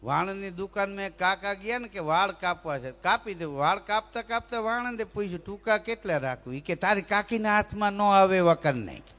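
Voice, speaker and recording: A man's voice: high voice, a little fast, hardly any pauses. A man, telling folk comic stories and acting out lisping characters. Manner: lively joke-telling with sung bits and acted lisping voices. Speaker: folk comedian. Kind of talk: dayro comic storytelling.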